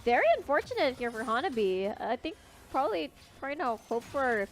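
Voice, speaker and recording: A young woman casting a live esports match, giving relaxed analysis. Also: sits high, brisk, faint music behind. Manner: relaxed analysis, laughs easily. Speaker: esports caster.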